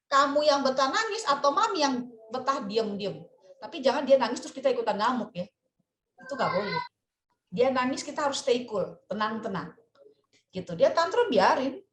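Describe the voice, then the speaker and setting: A woman therapist gives parenting advice over a video call, animated and expressive, and she repeats her key phrases for emphasis. Her voice sits on the high side and swings widely in pitch. The call audio has a roomy echo. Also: a little hiss or hum. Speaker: parenting seminar speaker.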